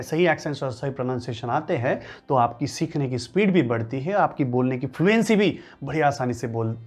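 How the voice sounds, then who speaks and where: A man giving an emphatic motivational lesson, repeating and listing key points to drive them home. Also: a little high. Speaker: English-speaking coach.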